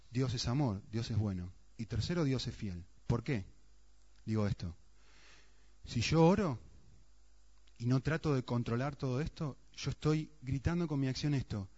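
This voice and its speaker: A man's voice: mid-range voice, a little mellow. A man preaching a sermon earnestly, often asking the congregation rhetorical questions. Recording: dull, muffled sound.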